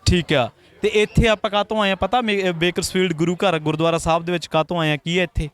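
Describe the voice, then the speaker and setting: A woman's voice: fairly low pitch, steady tone, fast talker. Lady reporter with a handheld mic, friendly easy questions, talking at a temple procession. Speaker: reporter host. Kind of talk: street interview. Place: at a Sikh temple street procession.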